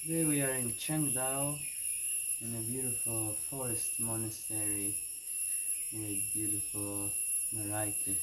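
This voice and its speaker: A man from the Azores in Portugal, answering interview questions outdoors in a forest, measured and hesitant. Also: fairly low pitch, little pitch movement. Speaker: interview guest, dancer. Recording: noisy outdoor recording.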